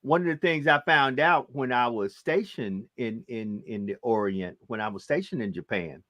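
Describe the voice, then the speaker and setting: A man telling a story in a lively, emphatic way during a casual discussion. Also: mid-range voice, normal speed, no echo.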